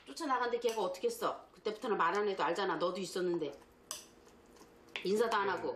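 A woman's voice: mid-range voice, fast, fairly bright tone. An older woman as a mother-in-law, scolding and complaining in a heated family argument. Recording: echoey room with faint noise.

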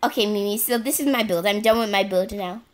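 A woman's voice: mid-range voice, fast. A woman hosting a casual, playful let's-play chat, giggling often as she talks. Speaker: gaming channel host.

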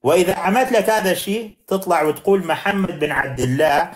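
A man with a slightly high voice talks fast and provocatively in a heated live-stream debate. He cuts in often and keeps urging the other speaker to calm down.

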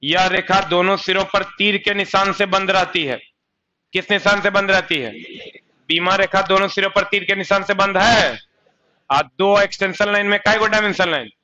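A man's voice: high-pitched, steady tone, moderate pace, bright, forceful tone, dull audio. A man with a Bihari accent teaching a coaching class, chatty, often asking the students questions and answering them himself. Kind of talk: classroom lecture.

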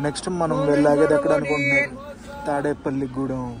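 Over a noisy crowd, a man with a higher, level voice talks fast to his viewers from inside a moving train at night. He's a chatty travel vlogger commenting as stations pass, and the carriage recording is noisy with rattle and station sounds.

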